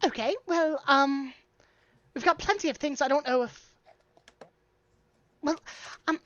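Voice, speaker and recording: A fussy, flustered dwarf seamstress bustles through her shop, her voice pitched high and loud in eager, breathless bursts, as a woman puts her on. The recording is a little dull, and the mic sounds dry and close. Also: measured pace, no room sound.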